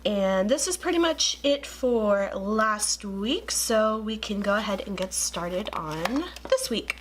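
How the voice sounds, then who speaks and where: A woman in her twenties, just woken up with a raspy morning voice, chatting casually and rambling with many fillers in a planning vlog. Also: mid-range voice, animated, slow. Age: 20s. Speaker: planner vlogger.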